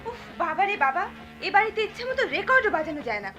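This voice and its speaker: A defiant, restless young daughter in a 1990s radio drama. Her voice is very high and swings widely, and she talks back in a petulant, animated way. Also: fast talker, music in the background.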